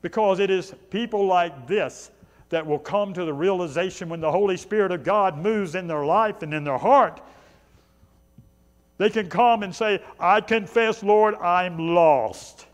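Unhurried and fairly high-voiced, a pastor in his sixties gives a sermon inside a small church sanctuary, its long reverb filling the space. Repeated short phrases press his points, then he eases into conversational asides.

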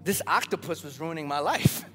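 High-voiced preaching man. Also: animated, normal speed, a bit bright, in a large hall, soft background music. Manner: emphatic preaching with storytelling asides. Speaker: pastor. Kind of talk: sermon. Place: church sanctuary.

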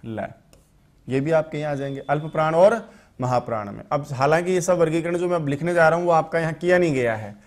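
Teacher asking and answering himself. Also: male voice, a little high. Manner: explains step by step, asking questions and answering them himself; says sounds aloud slowly and clearly. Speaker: Sanskrit teacher. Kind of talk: online grammar lesson.

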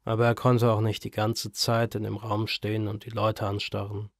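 Gravelly man narrating horror story. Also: on the low side, monotone, moderate pace, no room sound, clean studio sound.

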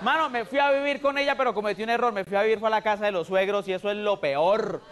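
Rowdy high-voiced Colombian comic. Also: male voice, fast talker, slight background noise. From Huila, Colombia. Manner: loud, rowdy, acts out quoted voices. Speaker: stand-up comedian. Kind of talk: stand-up routine on TV comedy show.

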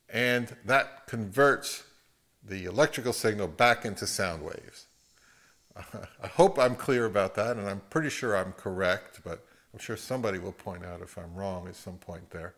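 A middle-aged video host with a medium-pitched, fairly bright voice talks casually and unscripted to camera in the open living room of his home. He's hesitant, rambling and self-deprecating.

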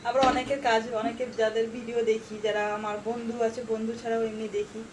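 A woman's voice: on the high side, flat delivery, fast, background noise. A woman chatting casually to her viewers while doing chores at home. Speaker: vlogger. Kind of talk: casual daily vlog talk to viewers. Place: home, indoors.

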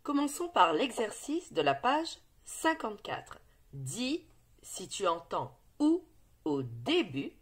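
A woman teaching a slow reading lesson to young children, with clearly articulated, encouraging speech. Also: on the high side. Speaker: primary school teacher.

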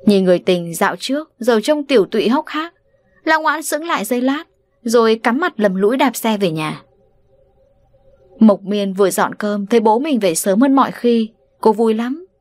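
A woman narrating an audiobook novel in an expressive storytelling manner. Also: fairly high pitch, moderate pace, no echo. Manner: dramatic, animated delivery of voices.

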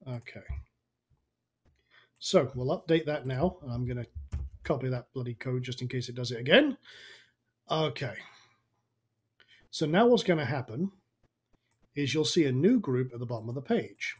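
Casual man with a slightly raspy voice. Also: mid-range voice, animated, moderate pace, pauses often. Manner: informal, thinking aloud. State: tired. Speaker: online marketing coach. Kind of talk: casual screen-share tutorial.

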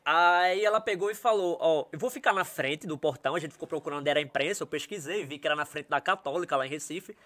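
A man's voice: a little high, quick pace, hardly any pauses. A young man from Brazil, telling a long comic story on a podcast. He talks casually and acts out everyone in it, and laughs as he goes. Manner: animated, acts out quoted voices, laughs while telling. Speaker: podcast guest, comedian.

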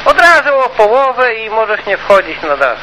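A CB radio hobbyist, male, hands out advice casually and colloquially, repeating himself, in a two-way chat heard through a noisy transmission. He sounds high-pitched and very animated at a normal speed.

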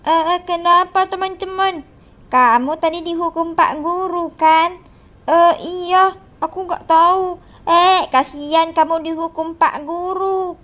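A woman's voice: very high voice, fairly even intonation, unhurried, a bit bright. A woman voicing a teased, lonely monster schoolkid with a whiny, plaintive way of talking in a game role-play.

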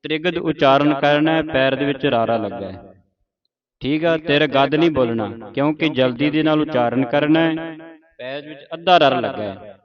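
A man teaching gurbani pronunciation, spelling out letters and vowel marks, reciting verses slowly and softly. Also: fairly high pitch, muffled recording, a crowd in the background. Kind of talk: Punjabi scripture pronunciation lesson.

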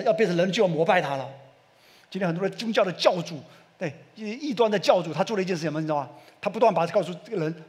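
A male pastor with a Taiwanese Mandarin accent preaches a sermon, peppering it with rhetorical questions to the congregation and leading them in reading scripture aloud. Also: fairly high pitch. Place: church sanctuary. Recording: long church-hall reverb.

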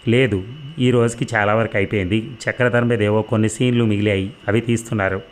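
A man reading the lines of a cheerful, busy film actress, in a low voice. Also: fairly even intonation, a little fast, lightly acted. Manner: light, laughing.

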